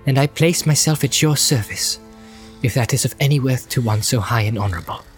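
Guy doing a soft polite young hobbit, lifted higher, earnest. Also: fairly quick, faint music behind, close to an everyday voice. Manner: courteous, softer and higher than the narration. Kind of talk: audiobook character voice.

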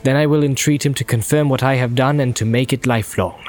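A man's voice: mid-range voice, steady tone, a little mellow, faint music behind, pitched above the performer's own voice, natural voice. A man doing a grave, stately captain. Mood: solemn. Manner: measured, formal and solemn. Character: grave noble male captain, stern and just. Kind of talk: audiobook character voice.

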